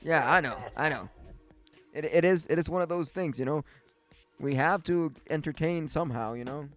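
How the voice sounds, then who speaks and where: A man's voice: fairly high pitch, normal speed, fairly bright tone. Rambling man hosting a casual livestream. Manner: rambling, many fillers and restarts. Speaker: livestream host. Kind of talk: casual chat. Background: faint music.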